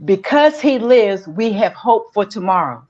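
A woman preaching a sermon in slow declarative lines, calling the congregation to respond. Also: mid-range voice, expressive, darkish tone, highs cut off, soft background music.

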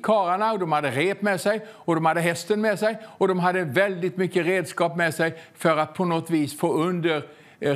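Storytelling male preacher, slightly high voice. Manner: slow, emphatic repetitions, frequent "eh" fillers. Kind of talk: sermon with storytelling.

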